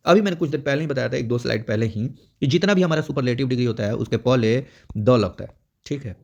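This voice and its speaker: A man's voice: medium pitch, a little mellow. A man teaching an exam prep grammar lesson, explaining step by step and checking in often. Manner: explains step by step with frequent "theek hai" check-ins.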